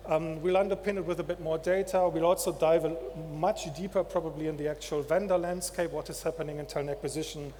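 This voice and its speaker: A man's voice: on the high side, warm tone, slight background noise. A man with a German accent giving a chatty conference talk as an industry analyst, filling gaps with ums and uhs. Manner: chatty, self-deprecating, many fillers. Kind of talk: conference presentation. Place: large conference stage. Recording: reverberant hall, faint ambience.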